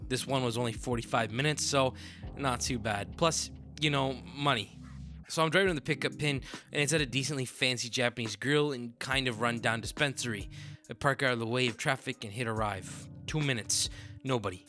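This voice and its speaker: A man's voice: medium pitch, brisk, pushed and bright, soft background music. A man narrating a story in a conversational, offhand manner with sudden upward swoops. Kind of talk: reading a story aloud.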